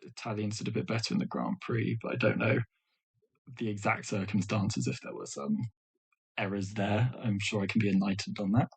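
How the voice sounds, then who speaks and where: A man co-hosting a sports podcast, talking in a measured, hedging way about the events. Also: lowish voice, animated, gravelly, slightly rough. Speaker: podcast co-host. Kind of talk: casual sports podcast chat.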